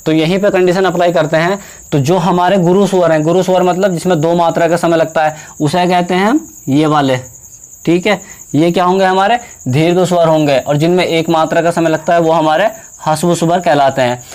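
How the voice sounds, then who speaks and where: A man's voice: fairly high pitch, fairly even intonation, a little mellow. Young male Hindi teacher, quizzing the class. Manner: asks students questions and answers them himself, repeats key terms; draws out vowel sounds slowly to demonstrate. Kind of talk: classroom lesson.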